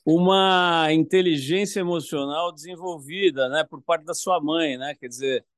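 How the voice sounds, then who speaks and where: A man interviewing a guest, asking questions in a measured way and often adding "né". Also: on the high side, no echo, studio quality. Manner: measured, many "né" tags.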